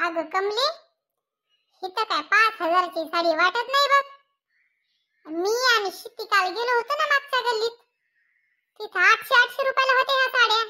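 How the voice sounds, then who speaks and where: A performer voicing a sharp-tongued, gloating middle-aged village woman in a cartoon comedy, speaking in a taunting, scolding way. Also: extremely high pitch, lively intonation, measured pace, pauses often, heavily acted. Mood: mocking. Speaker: Shantabai, neighbor.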